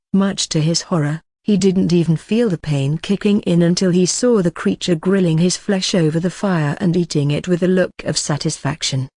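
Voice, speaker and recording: A text-to-speech narrator reading a dark fantasy novel at a steady, even pace, with occasional mispronunciations. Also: mid-range voice, dry recording, studio quality. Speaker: audiobook narrator. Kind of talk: scripted narration of a web novel.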